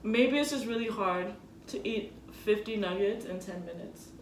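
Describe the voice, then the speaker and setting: A woman's voice: mid-range voice, normal speed. A young woman vlogger joking and laughing through an eating challenge, sometimes talking with her mouth full. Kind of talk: casual chat during an eating challenge. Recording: echoey room, distant mic, faint noise.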